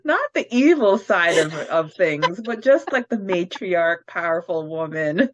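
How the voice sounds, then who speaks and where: A woman co-hosts a casual fan podcast, chatting in an easygoing way and saying "like" a lot. Her voice is on the low side, very animated yet slow, and the lo-fi mic sounds dull.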